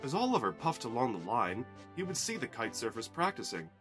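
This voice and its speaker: A man narrating a children's train story in an expressive storybook reading. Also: medium pitch, a little fast, music in the background.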